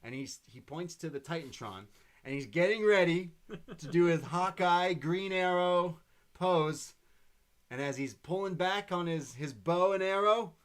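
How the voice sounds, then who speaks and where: A man co-hosting a wrestling podcast, retelling a show in quick, animated play-by-play. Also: sits high. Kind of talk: casual show recap chat.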